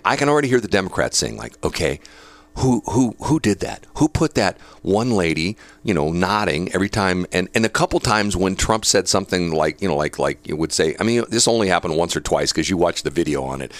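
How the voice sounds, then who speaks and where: A talk show host man with a low voice that moves animatedly up and down as he reads news items aloud. He breaks into opinionated asides and chuckles between points, recorded close and dry in a studio. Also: a bit bright, no echo. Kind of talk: casual talk radio commentary.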